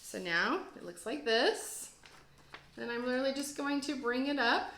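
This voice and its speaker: A second-grade teacher reads aloud and explains things to children in an encouraging, self-deprecating way. Her voice is high-pitched, expressive and a bit bright, at normal speed, with reverb and slight background noise.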